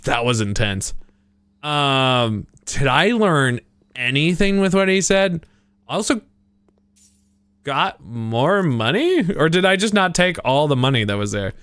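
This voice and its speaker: A man's voice: a little high, big pitch swings, slow, a bit bright, clear, resonant tone. A young man streaming a puzzle game, thinking aloud in a chatty, giggly way. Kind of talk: live gameplay commentary.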